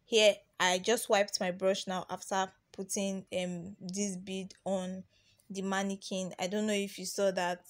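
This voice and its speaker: A woman's voice: mid-range voice, level tone, measured pace. Chatty woman narrating a nail tutorial. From Nigeria. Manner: chatty, repeats herself, many ums and restarts. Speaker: nail tech teaching beginners. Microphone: voice-over recording.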